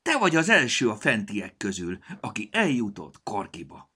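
A man voicing a cheerful little elf in a yellow cap, calling out in welcome. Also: lowish voice, huge pitch swings, slightly rough, full character voice. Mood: cheering. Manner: shouting, welcoming.

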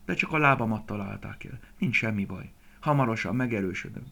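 Man playing a gentle mother deer, storybook, soft, gravelly edges. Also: lowish voice, animated, exaggerated voice. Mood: weak tender.

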